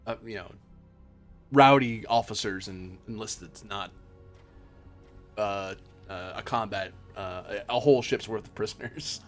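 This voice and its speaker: A man's voice: on the low side, unhurried, pauses often, faint music behind. Rambling male game master. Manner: rambling, many fillers and restarts, trails off quietly. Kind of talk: running a tabletop role-playing game.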